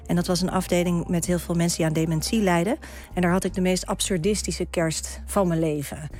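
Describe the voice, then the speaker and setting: A woman guest poet on a radio show, reading her own poem in a calm, measured way with deliberate pauses and talking about it in a studio. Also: on the low side. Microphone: studio microphone.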